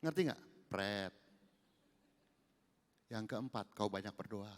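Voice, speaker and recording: A middle-aged male pastor preaching a sermon, animated, moving from hushed asides to loud exhortation. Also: fairly low pitch, slow. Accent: Indonesian. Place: large church hall. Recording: long church reverb.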